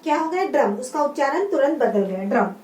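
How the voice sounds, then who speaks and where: A schoolteacher with a high, sing-song voice and a darkish tone guides young children word by word, saying each slowly, repeating it, and prompting the class to say it back. She's in a room with a writing board, recorded from far away, so the audio is roomy with a faint hum.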